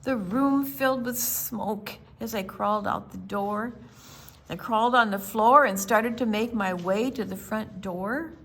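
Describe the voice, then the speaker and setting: Reading aloud from a rhyming kids' picture book, this woman uses a dramatic storytime manner with big pauses and stressed words. Her voice sits on the higher side and sounds a bit rough.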